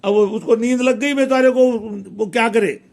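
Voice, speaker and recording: A man tells a village folk tale in a high-pitched voice, speaking. He rambles and repeats phrases, slipping into dialect as he voices the people in the tale. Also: steady tone, moderate pace, a little mellow. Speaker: village storyteller. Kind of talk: casual folk tale telling.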